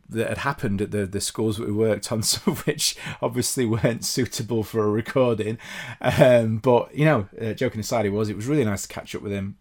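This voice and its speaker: A man with a Yorkshire accent hosting a podcast, chatting casually with many fillers and easy laughs. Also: on the low side. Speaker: podcast host. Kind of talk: casual interview chat and solo wrap-up.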